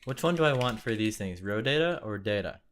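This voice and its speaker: A young man thinking aloud while live-coding at his desk, musing and questioning himself in halting bursts. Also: on the low side, lively intonation, a bit bright, slight background noise. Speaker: programmer live-coding a compiler. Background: keyboard typing and clicking.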